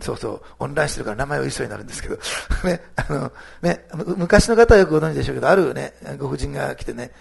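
A man's voice: medium pitch, vocal fry, breathy edge. A male pastor giving a sermon, telling a testimony story in a chatty way with frequent tags to the congregation. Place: church service streamed online.

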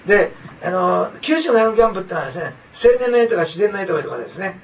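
A man pastor delivering a sermon in an earnest, repetitive way, leaning on little asides to his listeners. His fast, gravelly voice sits a bit high and is picked up from some distance, with faint room noise behind. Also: very animated.

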